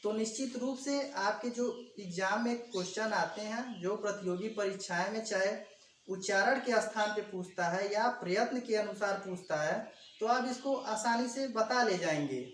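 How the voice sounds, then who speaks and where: A grammar teacher giving an exam-prep video lesson, explaining step by step and sounding out letters slowly, addressing viewers as friends. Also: mid-range voice. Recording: echoey room, distant mic, faint background hum.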